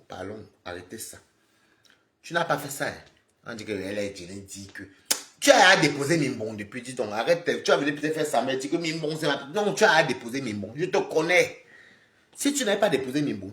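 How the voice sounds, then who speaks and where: A man live streaming, scolding and lecturing his viewers in an animated, repetitive rant. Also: mid-range voice, reverberant. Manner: scolding, animated, repeats himself, talks straight to viewers.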